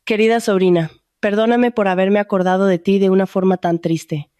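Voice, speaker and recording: A woman's voice: mid-range voice, steady tone, moderate pace, warm tone, clear, resonant tone, dry recording, lightly acted. A woman voicing a remorseful, dying elderly aunt over 60 reading out her farewell letter, regretful and tender.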